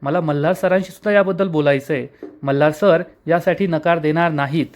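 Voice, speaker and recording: A man reading the lines of an anxious, loving young bride, voiced slightly higher. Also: fairly quick, lightly acted. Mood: pleading.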